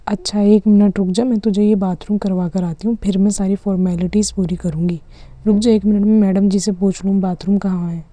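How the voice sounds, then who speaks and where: A fed-up mother , as a woman puts her on, in a doll-play cartoon, scolding in quick bursts. The tone is dark and mellow and sounds dry and close-miked. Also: mid-range voice, fairly even intonation, no room sound, natural voice. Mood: hurried. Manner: scolding, fast, exasperated. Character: exasperated mother Poonam, scolding.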